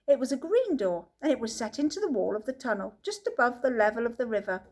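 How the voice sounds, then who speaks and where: A woman narrating a children's book as an audiobook reader, telling the story in a lively way. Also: on the high side, fast.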